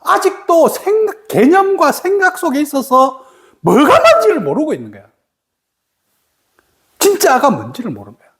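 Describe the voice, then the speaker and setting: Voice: high-pitched, moderate pace, pauses often. A middle-aged meditation teacher giving a dharma talk to students, telling stories animatedly and often stopping to ask the listeners a rhetorical question. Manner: animated storyteller, keeps asking rhetorical questions.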